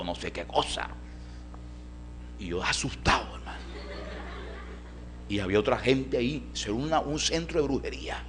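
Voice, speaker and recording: A male pastor preaching a storytelling sermon in a church, folksy and animated, often calling his listeners brother. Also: mid-range voice, a little hiss or hum.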